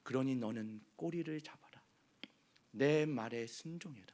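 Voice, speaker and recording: A man voicing God, who speaks to Moses in calm, commanding and reassuring words. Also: mid-range voice, unhurried, voice pushed down, natural voice. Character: God speaking firmly but gently to Moses.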